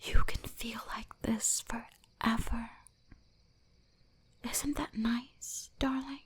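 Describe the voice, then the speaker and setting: In full character voice, a woman performs an ancient kitsune shrine spirit, possessive and gently dominant, for intimate ASMR roleplay. Her voice is a little high and steady, extremely slow, breathy and often whispered, soothing while commanding, in a tender, coaxing mood.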